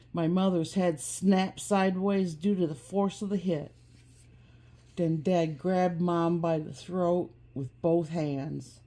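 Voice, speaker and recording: Woman, personal memoir narrator, unhurried, somber, warm low voice. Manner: slow, soft and somber, with occasional restarts. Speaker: personal storyteller.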